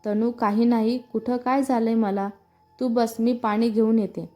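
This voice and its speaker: An eager younger sister, put on by a woman narrator, insists on helping with a nervous edge. The voice is high and warm, with faint music behind. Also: steady tone, unhurried, lightly acted.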